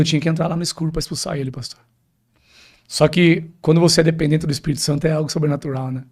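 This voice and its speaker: A man's voice: on the high side, a little mellow. A man, a pastor telling a personal testimony in a podcast interview, emphatic and often addressing the host directly.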